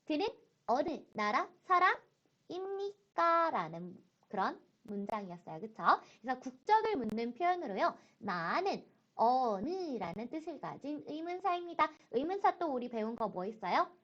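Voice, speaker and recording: A woman with a fairly high voice teaches a high school Chinese lesson, her pitch swinging widely as she stresses key points. She slows right down to model phrases. The recording is dull and lo-fi. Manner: slow, careful model pronunciation of Chinese phrases; lively, rising emphasis on key points. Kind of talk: online class lecture.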